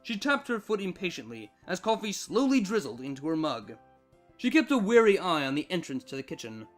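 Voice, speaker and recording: A fan fiction narrator with a high-pitched voice reads a story from a script at a brisk pace. His delivery is expressive and varied, and music plays underneath.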